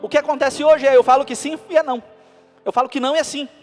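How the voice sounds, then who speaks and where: High-voiced preacher in an echoing hall. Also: male voice, fast. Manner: animated preaching with rising emphasis. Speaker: pastor. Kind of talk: sermon. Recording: long hall reverb with faint music.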